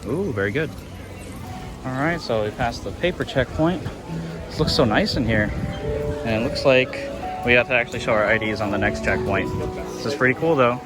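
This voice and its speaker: A man's voice: mid-range voice, normal speed, long pauses. A man vlogging casually as he walks through a theme park, often exclaiming at the sights. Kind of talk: casual vlog commentary on a walk-through. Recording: loud music behind, busy theme park. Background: loud park music.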